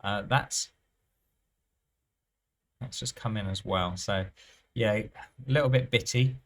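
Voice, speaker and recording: A man talks through live roulette play in a thinking-aloud commentary, his voice sitting on the low side. He muses at an unhurried pace, trailing off and restarting his phrases as he works things out. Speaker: roulette strategy presenter.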